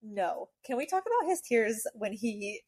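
A woman's voice: a little high, big pitch swings, unhurried, darkish tone, slightly rough, no room sound. A woman co-hosting a podcast, blunt and profane in casual, mocking chat. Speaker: podcast co-host. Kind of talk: casual chat about a reality show.

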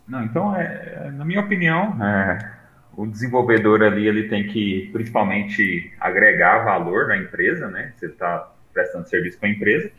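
A man's voice: fairly low pitch, lively intonation, normal speed, pushed and bright, muffled recording. A man with a Brazilian accent talking casually as a podcast panelist, recorded with a roomy echo. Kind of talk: casual discussion. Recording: roomy, echoing sound.

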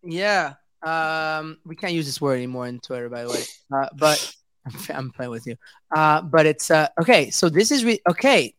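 Chatty high-ish male host, dry sound. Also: animated, normal speed, a bit bright, clean tone, no room sound. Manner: chatty and enthusiastic, laughs often. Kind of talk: casual interview chat.

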